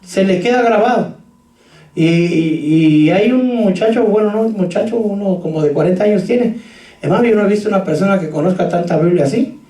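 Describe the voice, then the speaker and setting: A man's voice: high voice, fairly quick, dark tone. A man preaching a sermon as pastor, telling stories and speaking straight to the congregation. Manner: storytelling, addressing the congregation directly. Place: church hall. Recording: roomy echo, voice from far off.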